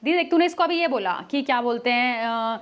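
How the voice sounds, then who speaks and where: Fast-talking young woman arguing. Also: on the high side, dull audio. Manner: quick, loud and argumentative, whispers asides to camera. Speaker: vlogger staging a prank. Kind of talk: casual prank vlog.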